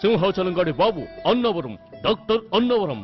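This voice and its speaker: A man's voice: high-pitched, expressive, fairly quick. A man dubbing a teasing young man in a film, talking in a mock-serious way. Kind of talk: Telugu film dub. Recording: dull film soundtrack with music.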